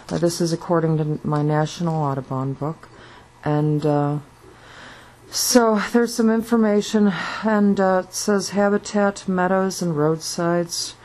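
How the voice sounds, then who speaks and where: Still in her morning voice, a woman vlogs alone in a rambling monologue, halting and packed with fillers and restarts. Her voice is low and a little mellow, and the recording is rough.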